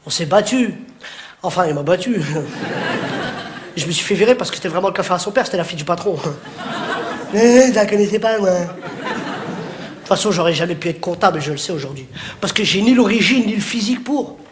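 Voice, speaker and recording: A man performing stand-up comedy, teasing the crowd in rapid banter and shouting his punchlines. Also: high voice, lively intonation. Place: theatre stage before a live audience. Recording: live show with audience laughter and noise.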